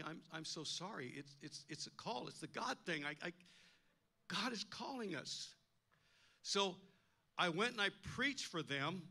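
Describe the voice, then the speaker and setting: A man's voice: sits high, sharp tone. An older man preaching a sermon as a pastor, telling a personal story with emphatic delivery, acting out the voices he quotes and often repeating words. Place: church.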